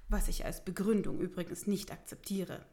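A woman's voice: lowish voice, normal speed, mellow, slight background noise, lightly acted. Woman doing a stiff bearded mayor man, formal and huffy, keeps pleading. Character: burly bearded male village mayor, stiff and uneasy.

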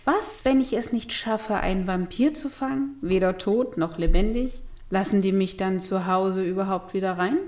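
A woman reading a comic first-person story aloud, wry and lively, with whispered asides. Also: medium pitch, normal speed. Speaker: audiobook narrator. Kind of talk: first-person comedic audiobook narration.

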